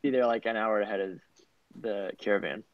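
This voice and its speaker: A man's voice: lowish voice, fairly quick, dull audio. A young man chatting casually as a player in a tabletop game, laid-back and easily amused.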